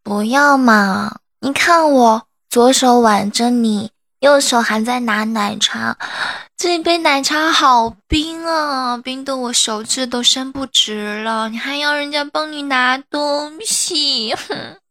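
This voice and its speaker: A woman's voice: a little high, slow, creaky, few pauses, fairly bright tone, exaggerated voice. A woman acting a spoiled, babyish young woman who pouts and sobs dramatically in a comedy skit. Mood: pouty. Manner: babyish, pouting, sobbing dramatically.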